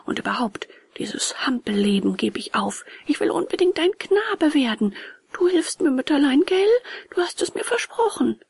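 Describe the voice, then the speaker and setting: A woman doing a high-voiced puppet boy. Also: sing-song, moderate pace, creaky, no room sound, exaggerated voice. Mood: eager. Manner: high, pleading, often whispered. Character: excitable young wooden puppet boy.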